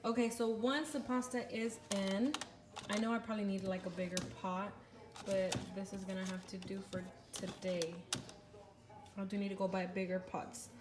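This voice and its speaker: A home cooking vlogger talks through a recipe while cooking in her kitchen, chatty and correcting herself as she goes. Her medium-pitched voice is fairly even at a normal speed. It's a casual tutorial filmed on a handheld phone camera, with background noise.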